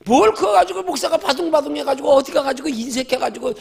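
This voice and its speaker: 성경공부 시간에 설교하는 남자 목사로, 반말로 청중에게 직접 말을 걸며 수사적 질문을 자주 던진다. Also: male voice, very high-pitched, quick pace, creaky. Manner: emphatic, talks directly to listeners in casual speech, rhetorical questions. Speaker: pastor. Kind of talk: Bible study sermon.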